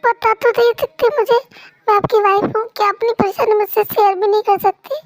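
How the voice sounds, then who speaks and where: A woman's voice: very high voice, steady tone, fairly quick, dry recording, voice pushed up. A woman with a cold voicing a hurt, tearful young wife in an amateur fan dub, pleading emotionally. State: has a cold.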